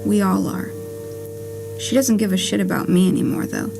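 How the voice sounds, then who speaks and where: Reading from her own play, a woman offers a scripted, letter-like puppet monologue with wry plainness, music sounding behind her at a live theatre show. She speaks at normal speed in a creaky, medium-pitched voice.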